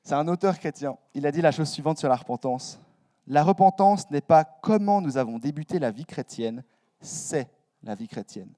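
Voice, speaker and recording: A man's voice: fairly high pitch, expressive, moderate pace, mellow. A young man preaching a sermon in a church hall, casual and self-mocking, with slangy asides. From Switzerland.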